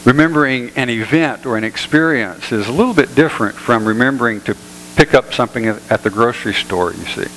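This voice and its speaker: A pastor giving a sermon in a church, telling jokes in an easygoing, folksy way. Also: male voice, medium pitch, a little fast, fairly bright tone, big-room sound, a little hiss or hum, poor audio. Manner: folksy storytelling, easygoing humor. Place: church sanctuary.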